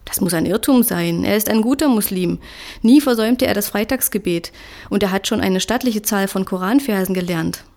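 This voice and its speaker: A woman's voice: mid-range voice, normal speed, darkish tone, natural voice. A woman voicing a proud, devout male imam in an audiobook, stern and insistent. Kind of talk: audiobook character voice.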